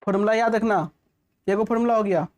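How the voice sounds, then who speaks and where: A man's voice: high voice, little pitch movement, fast, a little mellow. A man with a Bihari Hindi accent teaching physics to a small class, casually coaxing students and hurrying them along. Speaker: physics tutor.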